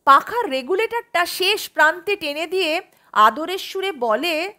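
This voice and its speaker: Woman narrator, audiobook story, slow delivery, bright high voice. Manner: expressive storytelling.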